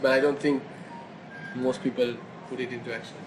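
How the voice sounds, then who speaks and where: A man's voice: medium pitch, flat delivery, a little fast. A man from Saudi Arabia hosting a casual conversation, rambling with many fillers and restarts. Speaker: host. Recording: noisy background.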